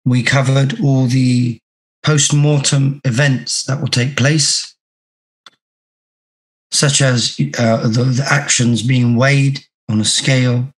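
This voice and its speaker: A man with a hoarse, croaky sore-throat voice, teaching an online religious class in a measured, deliberate way. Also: mid-range voice, fairly even intonation, poor audio. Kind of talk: online class lecture with reading aloud. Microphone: video call.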